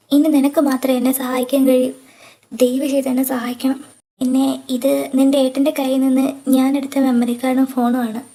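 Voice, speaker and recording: High-voiced woman in an earnest audio drama. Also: dark tone. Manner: earnest, emotional dialogue delivery. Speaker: storyteller voicing the characters.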